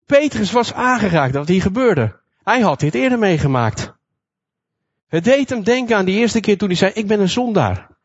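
A man preaching a sermon, retelling a Bible story in a lively storytelling manner and acting out the quotes. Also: high voice, normal speed, slightly rough. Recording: dull lo-fi recording.

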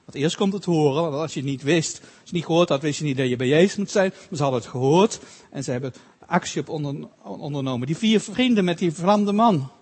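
A man preaching a sermon, earnest and halting with frequent restarts, slowing down whenever he quotes scripture. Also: fairly high pitch, a little mellow, breathy edge. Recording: long hall reverb.

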